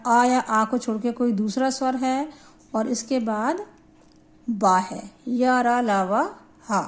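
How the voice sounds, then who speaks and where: A woman teaching a Hindi grammar lesson, explaining slowly and deliberately and spelling out syllables for her students. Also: fairly high pitch.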